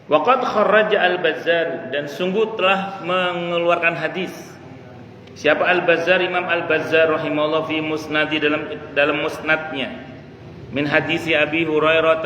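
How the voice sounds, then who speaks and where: A man's voice: a little high, steady tone, bright, forceful tone, slight background noise. Man lecturing in a mosque. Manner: chants Arabic passages slowly, then explains them. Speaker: religious teacher. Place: mosque hall. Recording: echoey mosque hall with faint ambience.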